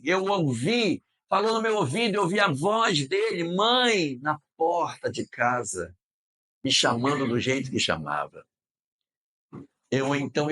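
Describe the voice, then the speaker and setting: A man's voice: medium pitch, a bit bright, husky. A man with a Brazilian accent giving a religious lecture and telling stories expressively, repeating phrases for emphasis. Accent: Brazilian Portuguese. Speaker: spiritist lecturer.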